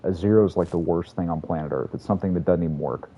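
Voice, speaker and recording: Man, very deep voice, dark tone, casual profane game commentary, chatty, lo-fi home mic with faint hiss. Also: fast. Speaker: game streamer. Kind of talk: casual gameplay commentary to a live chat.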